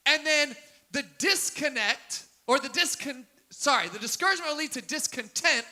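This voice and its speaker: A man preaching a sermon as pastor, repeating phrases in a steady cadence that swells into emphatic peaks. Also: extremely high pitch. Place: church sanctuary.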